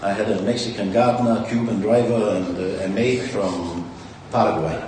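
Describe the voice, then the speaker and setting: With a fairly low, slightly mellow voice and a steady tone, a man from Denmark speaks at a moderate pace, rambling boastfully about his company at a conference. Captured from a distance in a large echoing hall, the audio carries faint ambience and slight background noise.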